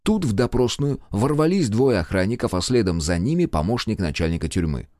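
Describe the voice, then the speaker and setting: A man narrating an audiobook in an expressive storytelling manner. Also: lowish voice, fairly quick, no echo, clean studio sound.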